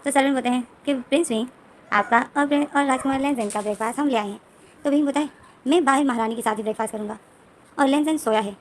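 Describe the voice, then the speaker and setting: A woman's voice: high voice, a little hiss or hum, low-quality recording. A woman casually retelling a romance story scene by scene, with loose, repetitive phrasing and frequent restarts.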